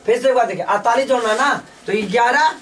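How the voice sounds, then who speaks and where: A woman teaching a lesson. She asks each question, then answers it herself in slow, repeating drills. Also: a little high, recorded from a distance, a little hiss or hum. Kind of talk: classroom lesson with call-and-response drills.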